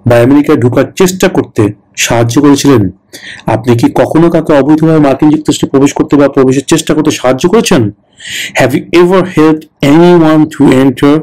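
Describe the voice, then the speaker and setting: A man with a Bengali accent teaches test questions in a bilingual lesson. He draws out each English phrase word by word, then speeds up through his explanations. His voice sits at an ordinary middle pitch. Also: dark tone, low-quality recording. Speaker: citizenship test tutor.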